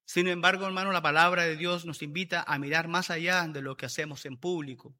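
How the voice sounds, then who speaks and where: Male preacher, high-pitched, very bright edge, emphatic sermon delivery with repeated lines. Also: steady tone, fairly quick. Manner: emphatic, repeats key phrases.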